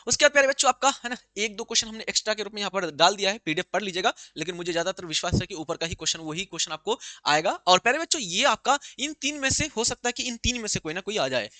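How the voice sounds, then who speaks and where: A man with a Bihari Hindi accent teaching an exam-prep lesson, reading English lines slowly and explaining each one, with many "hai na" checks to his students. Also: sits high, sharp tone, no echo. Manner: repeats "pyare bachchon" and "hai na", reads English lines slowly then explains them.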